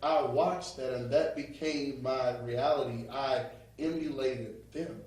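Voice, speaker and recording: A man's voice: mid-range voice, fairly even intonation, slow pace, a little mellow. Motivational male interview guest, New York accent, emphatic and preacherly, recorded off-mic with heavy room echo. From New Orleans. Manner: preacherly, emphatic, often checks listeners follow with "right?". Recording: very echoey room, distant microphone.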